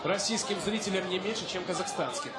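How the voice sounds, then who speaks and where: A man's voice: high-pitched, brisk, a loud crowd. A man giving sports commentary on a fight in wordy, hesitant phrases. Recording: echoey, loud music behind.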